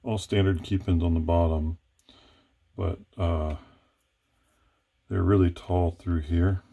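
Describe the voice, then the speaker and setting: A man's voice: low-pitched, fairly even intonation, slow pace, creaky, warm tone, lo-fi sound. A man thinking aloud as he works through a lock-picking task, hesitant and correcting himself as he goes. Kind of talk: thinking aloud while working.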